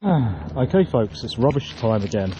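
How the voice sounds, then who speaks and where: A man's voice: mid-range voice, very animated, normal speed, noisy background. A man hiking outdoors and talking casually to his viewers, chatty and amused as he walks. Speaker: hiking vlogger. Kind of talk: casual walking commentary. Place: outdoors in open hill country.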